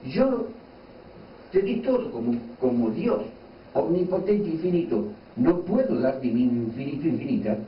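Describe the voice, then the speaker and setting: An ardent, pleading God speaks in slow, soaring declamation, as a preacher puts him on. The voice is heard from a distance with hall echo. The sound is dull and lo-fi. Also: male voice, on the high side, big pitch swings, slight background noise. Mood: impassioned.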